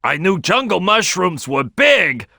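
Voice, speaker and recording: A man's voice: high-pitched, big pitch swings, a little slow, vocal fry, pushed and bright, no echo, clean studio sound, exaggerated voice. A man voicing a brash, bossy crocodile detective in a video game, boisterous and cocky, with a streetwise, barking delivery. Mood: watchful, bossy. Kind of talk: animated video game character acting.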